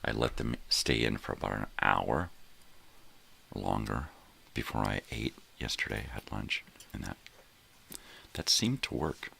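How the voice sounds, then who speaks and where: A middle-aged or older man with a gravelly, raspy voice, chatting in a laid-back, rambling way as he hosts a morning live stream, often repeating himself. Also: very deep voice, expressive, measured pace, long pauses, bright, forceful tone, slight background noise. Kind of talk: casual rambling vlog chat.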